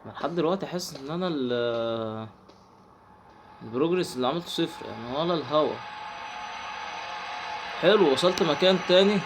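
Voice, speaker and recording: Young Egyptian male gamer, fast horror commentary, high lively voice, easily spooked. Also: background noise. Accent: Egyptian Arabic. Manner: jumpy, talks to himself and the game, yelps when startled. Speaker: gaming channel host. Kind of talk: horror game let's play commentary.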